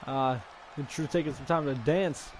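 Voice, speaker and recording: A man giving relaxed play-by-play commentary on a wrestling video game he is playing, with fillers. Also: medium pitch, moderate pace, some chatter behind, a little hiss or hum. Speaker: gaming video creator. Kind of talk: casual let's-play commentary.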